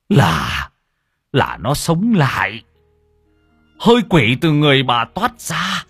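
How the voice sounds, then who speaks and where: A man's voice: low-pitched, husky, no echo, studio quality, voice pushed down, full character voice. Man doing a grave old monk. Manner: grave, urgent warnings.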